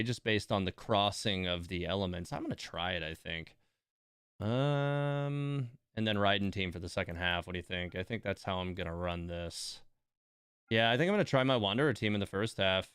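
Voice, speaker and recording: Thinking out loud during a casual gameplay stream he hosts, this man talks through his decisions to himself. His voice is on the low side with vocal fry and a clear, resonant, fairly bright tone, captured in a dry, clean studio recording.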